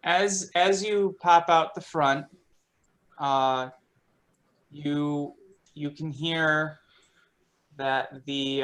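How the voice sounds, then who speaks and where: A man narrating as game master of a tabletop game, halting and full of restarts. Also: a little high, a bit bright. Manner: halting, with many restarts and fillers.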